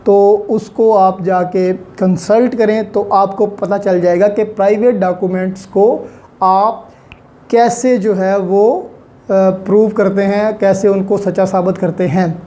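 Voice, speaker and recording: Slow and warm, her mid-range voice keeps a fairly even intonation. She's a woman with a Pakistani accent giving an online law lecture, explaining step by step, asking questions and answering them, with many English terms woven in.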